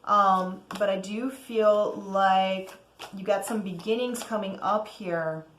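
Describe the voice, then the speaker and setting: A woman's voice: medium pitch, fairly even intonation, slow, a bit bright, echoey room, slight background noise. A woman giving a casual, chatty tarot reading as host, often checking in with "okay?" and letting out cheerful whoops. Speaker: tarot reader.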